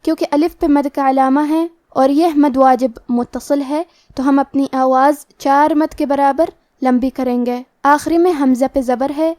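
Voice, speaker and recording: A woman teaching Quran recitation, explaining each letter's sounding slowly and carefully. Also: high-pitched, mellow, no echo. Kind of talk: tajweed lesson.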